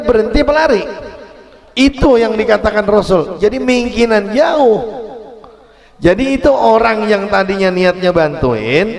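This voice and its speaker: A man preaching a sermon, telling a story with lively rhetorical questions and drifting into a fast, low murmured prayer. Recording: long reverb of a hall.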